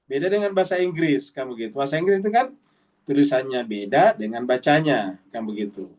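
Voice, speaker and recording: A man teaching a Quran study session, explaining slowly with frequent checks and drawn-out recited Arabic phrases. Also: on the high side, darkish tone. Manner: points to the text while teaching. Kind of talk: mosque study sermon. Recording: voice a bit far from the mic.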